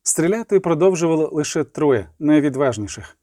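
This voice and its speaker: A man reading scripted fantasy narration with steady, vivid storytelling, close to the mic. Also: a little high, normal speed, no room sound. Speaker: audiobook narrator.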